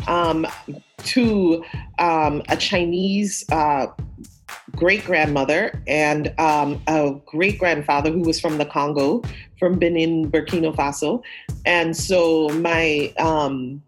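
A woman from Guyana who moved to Brooklyn, New York, at fourteen is a guest herbalist in a conversational interview, explaining earnestly and emphatically through repetition. Her voice is low with fairly even intonation and an unhurried pace, over soft background music.

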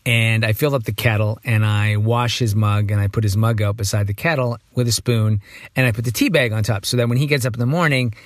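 Casting note: middle-aged male host, chatty and self-correcting, slightly hoarse, dry close sound. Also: lowish voice, fairly even intonation, a little fast, no echo. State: morning voice, a bit hoarse. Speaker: podcast host. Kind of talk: casual monologue.

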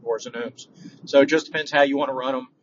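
The voicemail, dull and noisy with the speaker sounding far off, comes from a male podcast listener. He talks fast and frankly in a casual, conversational tone, his medium-pitched voice holding steady.

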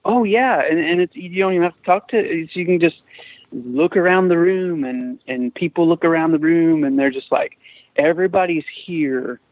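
This musician guest, in his forties, speaks at a moderate pace in a fairly high voice with no echo. The connection is a tinny, phone-like remote line, and his casual interview talk rambles with many fillers and restarts.

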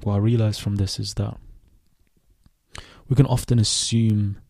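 A man in his twenties, raised in Sweden, hosting a reflective solo podcast in a thoughtful, unhurried way with many restarts. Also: on the low side, level tone, vocal fry, warm tone, dry recording. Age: 20s. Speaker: podcast host.

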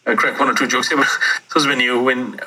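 Raised in Singapore, a startup founder tells his personal story as an interview guest, meandering and reflective with self-deprecating humor. His mid-range voice is steady, fast, and sharp in tone, and the audio quality is poor.

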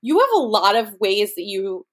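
A woman's voice: medium pitch, sing-song, normal speed. A woman hosting a podcast who is also a chef, interviewing her guest with effusive, enthusiastic praise.

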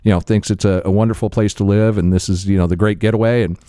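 A man co-hosting a podcast, telling a story in a rambling, animated way during casual chat. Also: fairly low pitch, quick pace, clean tone, dry recording, clean studio sound. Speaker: podcast co-host.

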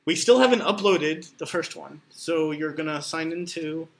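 A man's voice: on the high side, normal speed, gravelly. Guy cohosting a podcast on a laptop mic outside, bossing his partner around a bit. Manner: chatty, directing his partner. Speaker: podcast co-host. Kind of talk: casual chat. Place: outdoors in a public spot with people nearby. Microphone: laptop built-in microphone.

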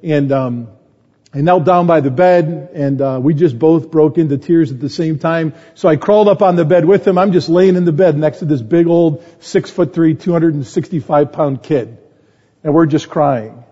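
A man's voice: on the high side, normal speed, mellow. A middle-aged male pastor preaching a sermon, telling stories in a conversational tone. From United States. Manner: storytelling with a conversational tone, voice rising when stressed. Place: conference hall. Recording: muffled conference recording in a reverberant hall.

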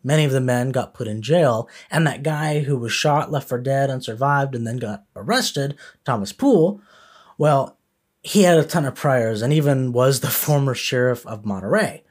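Animated male history storyteller. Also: mid-range voice, normal speed. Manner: animated storyteller, occasional filler words. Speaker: podcast host.

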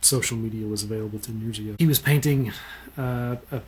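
A man's voice: lowish voice, brisk. A man in casual conversation, recalling things in a rambling, unsure way with many fillers.

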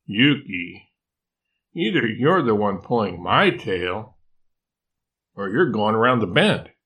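A prankish female bearded dragon in a storybook, keeping a straight, mock-concerned voice while she teases her friend, as an older man reads her. Her lines run low and unhurried with lively swings of tone. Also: heavily acted. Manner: feigned calm, teasing, deadpan concern.

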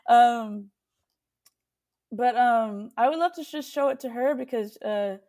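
Young female singer-songwriter guest, casual interview talk, a bit high-pitched, rambling with fillers. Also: takes it slowly, dark tone. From United States. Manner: chatty, many fillers and restarts.

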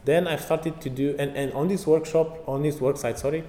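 A passive house trainer from Romania, raised on Romanian and Hungarian, talks a little fast in a voice on the high side. As a guest in a casual interview, he's an animated storyteller who acts out quotes and uses many fillers, recorded in a roomy, echoing hall with faint noise.

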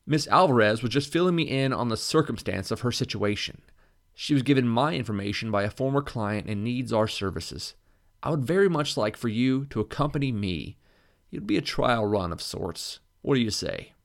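A man voicing a courteous, polished middle-aged lawyer who talks in a formal, smooth and reassuring way. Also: mid-range voice, animated, normal speed.

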